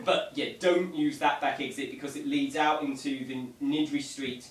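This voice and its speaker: With a steady mid-range voice at an ordinary pace, a man guides a ghost tour vigil and briefs the group casually. His style is dryly humorous, wry and a little mock-formal. The echoey room, distant camera mic and faint noise shape the recording, made indoors.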